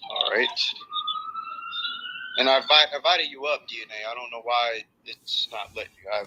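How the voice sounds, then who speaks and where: Guy running the chat room, quick and businesslike, bright tone. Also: medium pitch, poor audio. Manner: brisk, organizing speakers. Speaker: room moderator. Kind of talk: casual live audio chat.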